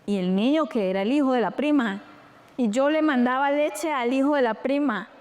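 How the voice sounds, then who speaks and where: A Colombian woman appears as an interview guest, telling a painful personal story with lively animation and quoted dialogue. Her voice is high and her pace moderate.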